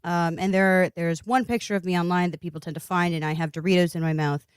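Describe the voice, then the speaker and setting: A woman's voice: fairly low pitch, steady tone, fast talker, clear, resonant tone, dry recording. A woman from Indiana telling a candid, profane story as a podcast guest, laughing as she goes. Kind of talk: casual podcast chat.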